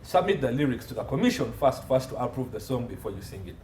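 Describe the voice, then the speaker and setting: A fast-talking Ugandan man with a sing-song, slightly mellow mid-range voice appears as an interview guest, consulting on entertainment and media law and stressing his points in lists. There's roomy echo and a little background noise.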